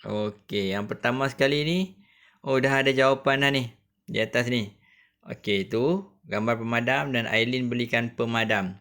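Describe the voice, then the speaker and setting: A young adult man with a Malaysian Malay accent, a primary school teacher giving an online reading lesson, spelling words out slowly syllable by syllable and encouraging the pupils. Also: mid-range voice, fairly bright tone, smooth.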